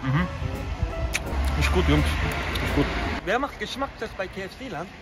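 High-pitched young man. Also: big pitch swings, moderate pace, over loud music. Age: 20s. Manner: slangy, brash, loose broken grammar. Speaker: vlogger. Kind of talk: casual street-slang vlog chat. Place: cars and streets outdoors. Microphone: phone at arm's length.

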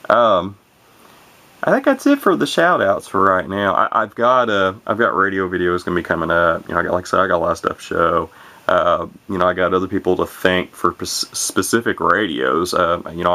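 This man, a hobbyist vlogger from Illinois in the USA, speaks unscripted to the camera about vintage radios on his YouTube channel. His voice is low, gravelly, and monotone, with a bright edge. His talk is rambling, with frequent fillers and restarts and words run together.

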